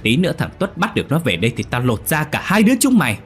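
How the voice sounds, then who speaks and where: A man voicing a cruel, furious middle-aged mother-in-law who screams abuse in a shrill voice. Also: very animated, fast, faint music behind. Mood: furious screaming.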